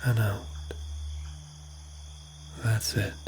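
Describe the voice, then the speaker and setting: A man giving an ASMR sleep talkdown in a soft, breathy, often whispery voice, soothing, in short phrases with pauses. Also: fairly low pitch, little pitch movement, background noise.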